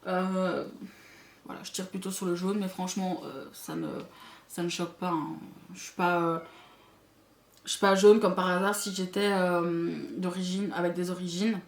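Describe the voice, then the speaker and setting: A woman's voice: on the low side, fairly even intonation, normal speed. A woman with a Belgian or Swiss French accent reviews makeup to camera in a chatty way, full of asides to her viewers. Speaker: beauty vlogger. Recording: echoey room.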